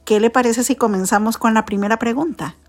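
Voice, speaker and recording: A woman's voice: on the high side, brisk. A woman hosting a podcast, reading a scripted intro and asking questions in a polite, formal manner. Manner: formal, polite, uses usted. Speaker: podcast host.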